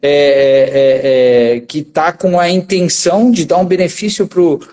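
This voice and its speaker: A man's voice: a little high, fairly even intonation, unhurried, warm tone. A man speaking as a guest dentist in a casual conversation, explaining steadily and ending many phrases with a tag question.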